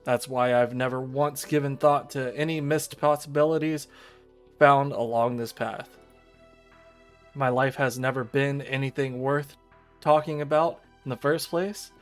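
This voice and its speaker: A man with a mid-pitched, natural voice reads as an aloof teenage schoolgirl, narrating a visual novel over faint music. His delivery is measured and resigned, like a fatalistic outsider telling a story.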